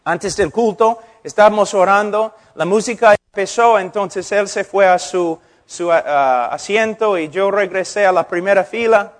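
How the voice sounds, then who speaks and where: A man's voice: high-pitched, unhurried, hardly any pauses. A middle-aged man preaching a sermon as a pastor, impassioned and acting out conversations in shifting voices.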